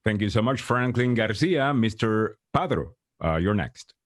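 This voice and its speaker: A man's voice: lowish voice, lively intonation. A male moderator formally introducing candidates and reading out questions at a forum. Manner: measured, formal.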